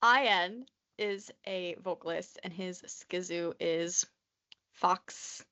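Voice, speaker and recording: Her voice sits fairly low but bright, with a forceful tone and a very slow pace, and the audio is dull. She's a twenty-something woman co-hosting a podcast, nervously rambling in casual chat and saying "like" constantly.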